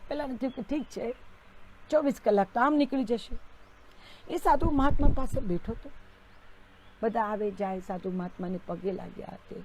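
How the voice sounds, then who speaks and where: A woman's voice: a little high, moderate pace, pauses often, darkish tone, slight background noise. A woman giving an earnest devotional talk on a live stream, telling stories with emphasis. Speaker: spiritual speaker.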